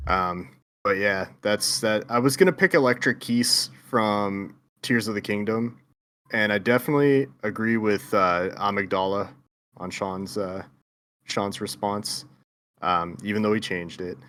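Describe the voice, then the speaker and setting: A man with a hoarse voice chatting casually on a gaming podcast, laid-back and swearing freely. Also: on the low side, a little slow, fairly bright tone. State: hoarse, lost his voice. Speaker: podcast co-host. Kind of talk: casual chat.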